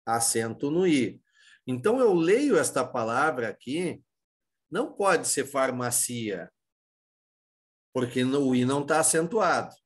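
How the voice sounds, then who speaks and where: A man with a Brazilian Portuguese accent teaching an exam-prep Spanish lesson, who asks and answers his own questions in an informal, halting way. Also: on the high side, sing-song. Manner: many fillers and restarts, informal.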